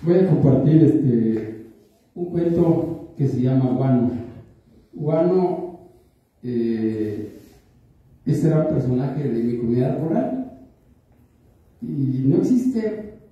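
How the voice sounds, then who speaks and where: A man's voice: mid-range voice, animated, slow pace, pauses often. Man reading in an echoey hall. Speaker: writer reading his own work. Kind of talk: poetry and short story reading. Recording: echoey, distant, dull room recording.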